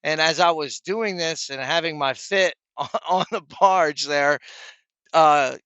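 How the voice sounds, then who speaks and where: This middle-aged trucker speaks slowly in a rather high, pushed, bright voice, recorded dull with no echo. He tells stories and gives advice to fellow truckers in a chummy vlog style, calling his viewers "guys."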